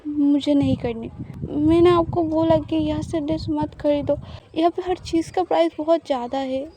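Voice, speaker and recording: A woman's voice: high-pitched, fairly even intonation, moderate pace, dark tone, slight background noise, natural voice. A woman voicing an anxious, frugal young woman who worries and pleads in an audio love story. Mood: worried.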